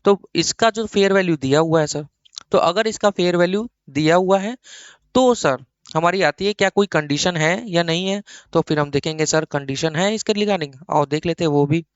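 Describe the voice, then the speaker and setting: A man's voice: fairly high pitch, normal speed, clear, resonant tone, dry recording, highs cut off. A male accounting teacher with an Indian accent, lecturing and answering his own questions while mixing English terms into Hindi. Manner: explains by asking himself questions and answering. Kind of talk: classroom lecture.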